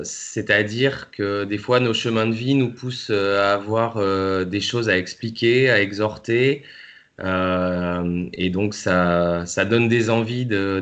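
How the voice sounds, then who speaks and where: A man being interviewed as a novel's co-author, speaking haltingly with many fillers and restarts. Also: on the low side, fairly bright tone. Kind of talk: hesitant conversational interview.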